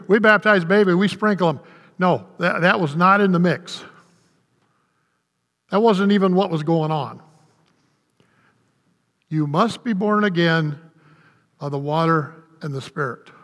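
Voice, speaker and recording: An older man preaching a sermon as a pastor, folksy and conversational, with quick asides to the congregation. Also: a little high, a bit bright. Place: church sanctuary. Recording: long reverb of a church hall.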